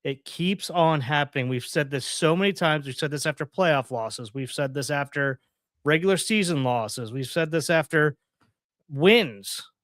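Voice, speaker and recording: A man's voice: a little high, lively intonation, unhurried, fairly bright tone, no echo. A man co-hosting a sports podcast, frustrated and swearing, repeating his points for emphasis. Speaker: podcast co-host. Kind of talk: casual sports rant.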